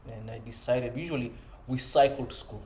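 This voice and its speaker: A man in his thirties talks earnestly to young men about self-improvement. His voice sounds mellow and unhurried. The recording sits in an echoey room with a faint ambient hum behind him. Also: mid-range voice. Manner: earnest, conversational, frequent "you know" and "right?". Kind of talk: reflective personal monologue.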